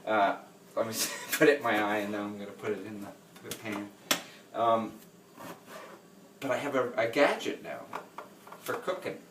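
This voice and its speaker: A man's voice: fairly low pitch, moderate pace, pauses often. A man chatting casually while he cooks in his home kitchen, rambling and self-deprecating and laughing often. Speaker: home cooking vlogger. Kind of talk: casual chatty cooking vlog. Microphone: camera across the kitchen. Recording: echoey kitchen, distant camera mic, background noise.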